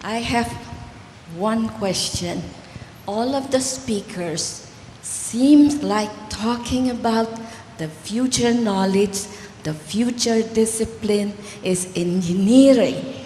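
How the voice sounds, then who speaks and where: A woman's voice: fairly high pitch, slow pace, dark tone. A woman putting a thoughtful question to a conference panel. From Jakarta, Indonesia. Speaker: audience member asking a question. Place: large conference hall. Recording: echoey hall with long reverb, faint room noise.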